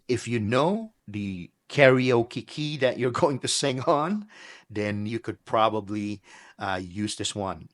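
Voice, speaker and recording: A man's voice: medium pitch, no echo, studio quality. A man demonstrating a product step by step. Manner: plain step-by-step explaining. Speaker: product reviewer. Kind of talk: product demo.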